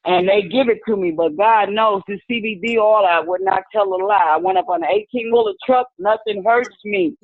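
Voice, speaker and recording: A woman's voice: medium pitch, normal speed, few pauses, no room sound. Older woman caller, chatty storyteller, dry tinny phone sound. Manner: chatty, storytelling, acts out quotes. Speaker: caller giving a testimony. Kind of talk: casual spoken testimony. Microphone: phone call into a video meeting.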